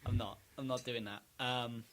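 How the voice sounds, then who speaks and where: A man's voice: mid-range voice, steady tone, background noise. Young Welsh man chatting on a podcast. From Wales. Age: 20s. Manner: chatty, quick to laugh and tease. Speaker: podcast co-host. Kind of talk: casual chat.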